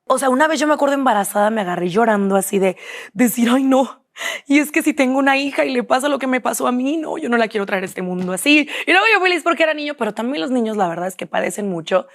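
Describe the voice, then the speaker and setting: A woman's voice: a little high, expressive, fast talker. A young woman with a Mexican accent, a guest in an interview, talking candidly and quoting herself and others often. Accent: Mexican Spanish.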